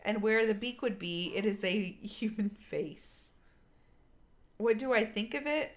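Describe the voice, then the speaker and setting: A woman's voice: mid-range voice, unhurried, roomy sound. A woman co-hosting a podcast in casual chat, laughing often and trailing off with fillers. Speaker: podcast co-host.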